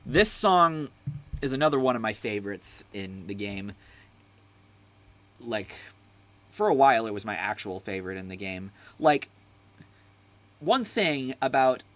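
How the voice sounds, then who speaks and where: A man's voice: on the low side, fairly bright tone. A young man hosting a casual music tier-list chat, rambling and enthusiastic, full of fillers, swearing now and then. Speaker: host.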